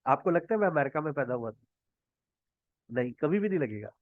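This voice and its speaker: Punjabi-speaking male tutor, fairly high voice, measured lecture pace, dry and muffled call audio. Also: very animated, no room sound. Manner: slow, deliberate, quizzing the class, modeling English phrases. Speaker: spoken English teacher. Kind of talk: online class lecture. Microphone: video call. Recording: dull lo-fi online call audio.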